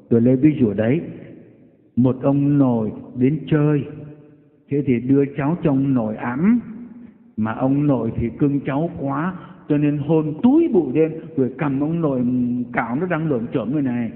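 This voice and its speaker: Man preaching in an echoey hall. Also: mid-range voice. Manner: folksy storytelling, animated quoted voices. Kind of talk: sermon with anecdotes. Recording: echoey hall over tinny lo-fi line.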